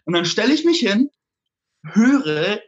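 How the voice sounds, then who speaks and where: A man, a flirt coach, telling a lively personal story in an interview, laughing often and acting out what people said. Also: sits high, slow pace, husky, dull audio. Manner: animated, laughs often, acts out quotes.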